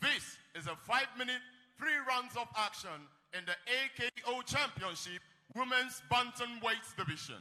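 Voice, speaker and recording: Booming high-pitched male ring announcer. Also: sharp tone. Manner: theatrical, drawn-out names and places. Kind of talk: booming fight introductions. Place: large fight venue. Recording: echoing arena public address.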